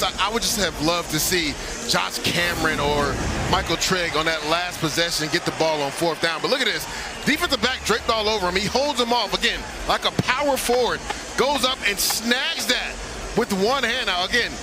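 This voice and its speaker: A man's voice: high voice, noisy background. An American man giving live football analysis as color commentator, in emphatic, punchy phrases. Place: broadcast booth at a stadium.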